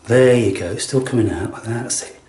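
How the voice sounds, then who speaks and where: A man's voice: mid-range voice, normal speed. A man chatting casually to a pet in a coaxing, blokey way as he looks after it. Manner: coaxing, blokey, says "mate". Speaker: animal carer filming a home feeding. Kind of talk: casual murmured chat to a pet. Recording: echoey room, faint noise and clicks.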